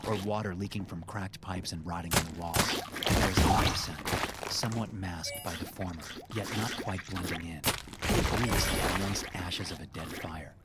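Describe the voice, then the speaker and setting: A man reading a first-person horror story as narrator, in a dramatic, deliberate way. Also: deep voice, fairly even intonation, very noisy. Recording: loud music over the narration. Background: loud music.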